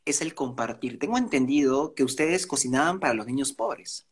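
A young man with a Peruvian Spanish accent and a mid-range voice hosts a friendly interview. He speaks politely and admiringly, filling the pauses with affirmations. He is recorded over a video call from a room at home. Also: mid-range voice, lively intonation, breathy edge. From Peru. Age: young adult. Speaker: interviewer, host.

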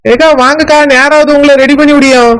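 A woman with a Kanyakumari Tamil accent voicing a chatty young village woman who talks quickly and eagerly. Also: high voice, fairly even intonation, close to an everyday voice, poor audio.

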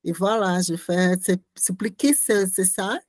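Woman, artist, non-native speaker, slow and halting, frequent restarts, dry close sound. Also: medium pitch, darkish tone, no echo. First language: not French. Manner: halting, searching for words, many restarts. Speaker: artist describing her performance. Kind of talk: conversational interview talk.

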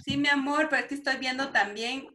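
A woman teacher with a Guatemalan Spanish accent, running an online class for young pupils, calling them affectionate names and reading words out slowly. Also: high voice, fairly even intonation, sharp tone. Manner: affectionate, calls pupils "mi amor". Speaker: primary school teacher.

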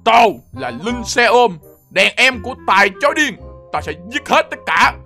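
A man's voice: extremely high pitch, big pitch swings, normal speed, pushed and bright, full character voice. A man voicing a tough male prison gang thug who boasts and threatens, with music behind. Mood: menacing.

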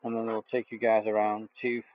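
Speaking fairly quickly in a lowish voice, a man streams live from a bee yard, inspecting a hive and chatting in a loose, filler-heavy way. He stays off frame, picked up by the camera mic, and the highs are cut off.

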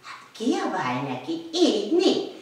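A woman's voice: fairly high pitch, huge pitch swings. A woman playing a cheeky, chattering magpie in a children's stage play, chirping and sassy. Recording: echoey hall from far off.

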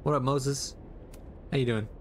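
A man's voice: mid-range voice, fairly even intonation, a little slow, background noise. Joking man narrating a game playthrough. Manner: casual and joking, reads texts aloud with voices. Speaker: gaming streamer. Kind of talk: let's play commentary.

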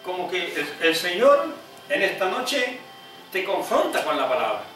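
A man, an evangelist preaching a sermon emphatically, often rising high on repeated phrases and adding "¿eh?" asides. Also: very animated, measured pace, bright, forceful tone, faint music behind. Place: church. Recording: echoey hall, heard from a distance.

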